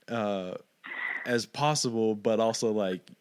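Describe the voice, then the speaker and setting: Man from Texas, podcast host, casual interview, rambling with lots of fillers, lowish voice. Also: drawn-out words, clean tone. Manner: rambling and searching for words, many fillers.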